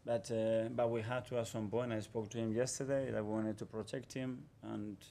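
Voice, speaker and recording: A man in his forties, a football manager answering questions at a press conference in a measured, guarded way. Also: mid-range voice, flat delivery, creaky, warm tone. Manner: measured, guarded, repeats phrases. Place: press conference room in front of a sponsor backdrop. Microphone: table microphone.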